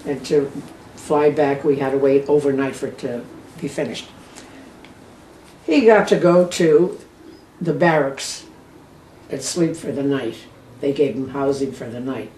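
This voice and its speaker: An elderly American woman, a war veteran, recalling memories unscripted in short, halting phrases. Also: a bass voice, expressive, mellow. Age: 80s or older. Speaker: war veteran being interviewed. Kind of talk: unscripted reminiscing. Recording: roomy, distant microphone with faint noise.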